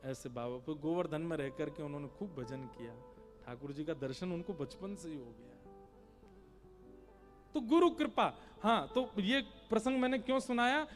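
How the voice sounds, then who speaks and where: High-voiced animated male storyteller. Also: moderate pace, faint music behind. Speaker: devotional storyteller. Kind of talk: devotional story sermon.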